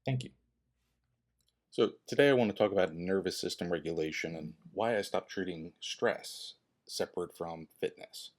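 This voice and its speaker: A man in his fifties talking to viewers in a personal vlog, earnest and halting, often restarting his words. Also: low-pitched. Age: 50s. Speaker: fitness channel creator and host.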